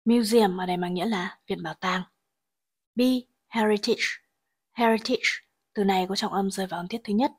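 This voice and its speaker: A woman teaching English grammar and pronunciation, explaining each exam answer and reading English sentences slowly before translating them. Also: medium pitch, steady tone, darkish tone, slightly rough.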